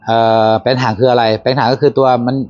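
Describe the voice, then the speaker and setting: A man hosting a handyman channel, talking casually through a tool demo, relaxed and chatty with fillers and self-corrections. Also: mid-range voice, fast. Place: workshop or garden. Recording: dull lo-fi sound.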